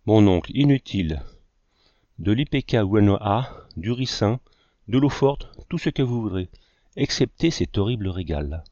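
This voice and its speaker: A man's voice: on the low side, lively intonation, measured pace, mellow, dry recording, muffled recording. A man reading as a fussy young artist. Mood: protesting. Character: young male artist, talkative, fussy eater.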